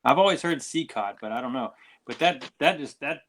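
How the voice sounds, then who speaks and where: A man's voice: mid-range voice, animated, fairly quick, fairly bright tone, slight background noise. A male podcast co-host with an ordinary mid-range voice. He reacts with eager enthusiasm and keeps asking the guest questions. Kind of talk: casual podcast chat.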